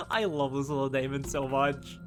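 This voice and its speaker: A man's voice: mid-range voice, lively intonation, normal speed, over music. A man giving casual, chatty livestream commentary on a game, informal and wry, swearing now and then. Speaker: game streamer.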